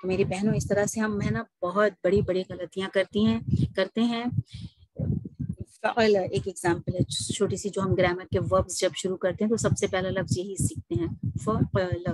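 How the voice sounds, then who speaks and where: A woman teaching an online recitation class over a video call, explaining patiently and slowing down to recite examples. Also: medium pitch, steady tone, a little mellow, no room sound, low-quality recording.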